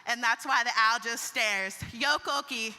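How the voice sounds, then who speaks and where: Young woman telling a lively folk story. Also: a little high, measured pace, soft background music. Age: 20s. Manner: lively, expressive narration with bird calls. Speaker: pageant contestant. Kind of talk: oral storytelling. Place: event hall stage. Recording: reverberant hall.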